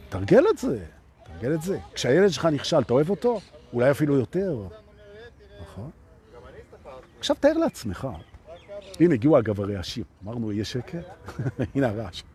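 A man's voice: medium pitch, very animated, pauses often, dark tone. A man leading a live self-help session as a coach, talking animatedly and repeating key phrases while he addresses his listeners directly. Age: adult with a son. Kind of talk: motivational self-help talk.

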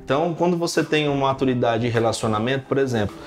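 A man's voice: medium pitch, fast talker, soft background music. A man in his thirties, a pastor, telling stories in a casual podcast chat and filling his talk with "cara" and "né". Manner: animated storytelling, frequent "cara" and "né".

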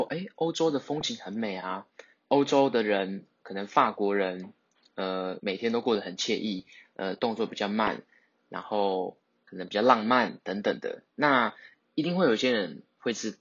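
A man's voice: on the low side, fairly bright tone, breathy edge, highs cut off. Rambling man telling a story. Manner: rambling, many fillers and self-corrections. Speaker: podcast host. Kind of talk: casual storytelling monologue.

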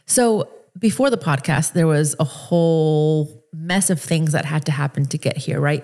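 Woman, 30s, from the Dominican Republic, podcast host, low-pitched, casual, chatty, self-correcting. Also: darkish tone. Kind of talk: casual solo podcast monologue.

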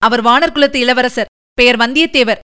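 A woman's voice: fairly high pitch, normal speed, bright, forceful tone, smooth. A woman reading the part of a grief-stricken young noblewoman in an audiobook, pleading and tearful.

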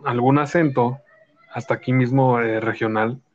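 A man talks slowly and haltingly in casual chat, often searching for words. His voice sits in a middle register. The recording sounds dull and lo-fi. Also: medium pitch, fairly even intonation, a little hiss or hum. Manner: hesitant, halting.

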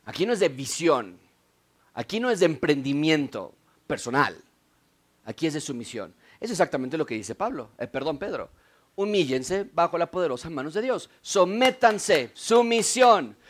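A man preaching a sermon as pastor, swinging between loud declarations and quiet asides. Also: a little high, sing-song, normal speed. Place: church.

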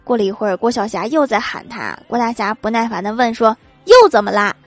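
A woman's voice: on the high side, fast, dry recording, soft background music. A woman hosting a comedy show, reading funny anecdotes aloud with acted quotes and chuckling at her own punchlines. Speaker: host.

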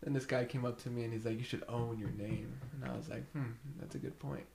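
A man chatting casually on a podcast, telling jokes and stories in a deadpan way. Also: medium pitch, fast talker, gravelly. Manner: joking, deadpan teasing storyteller. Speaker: podcast co-host. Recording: roomy echo, faint noise.

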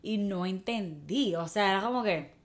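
A woman's voice: medium pitch, normal speed. A woman co-hosting a podcast in casual chat, telling stories and acting out quoted voices. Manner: animated storytelling, acts out quoted voices. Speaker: podcast co-host.

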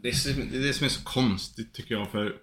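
A young man in a casual chat, mostly agreeing and speaking in halting bits. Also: mid-range voice, a bit bright.

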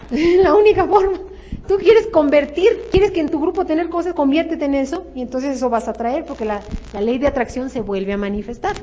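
Mexican woman, high voice, emphatic motivational sales trainer, slightly muffled recording. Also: a little mellow. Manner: emphatic, repetitive, many rhetorical questions. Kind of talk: motivational seminar talk.

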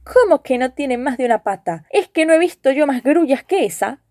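A man's voice: very high-pitched, very animated, moderate pace, warm tone, dry recording, clean studio sound, voice pushed up. A woman voicing an angry, stern nobleman who speaks in a commanding, threatening way.

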